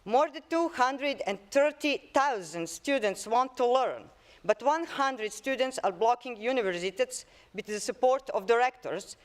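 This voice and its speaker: A woman's voice: a little high, lively intonation, a little slow. A woman with a Serbian accent reading a prepared speech as a parliamentarian in an assembly. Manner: reads a prepared statement, occasional restarts.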